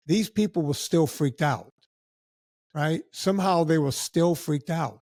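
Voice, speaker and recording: A man tells stories on a podcast in a fairly high voice and acts out the people in them as he goes. The sound is dry and close, with no room echo. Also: a little slow. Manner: animated anecdotes with acted-out quotes of other people. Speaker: podcast guest. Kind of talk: casual storytelling.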